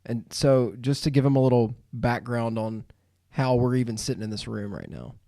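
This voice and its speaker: A man hosting a podcast in a studio, telling stories in a lively, laughing way. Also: medium pitch, moderate pace, vocal fry, dry recording. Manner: animated storyteller, laughs while telling. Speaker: podcast host. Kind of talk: casual podcast chat.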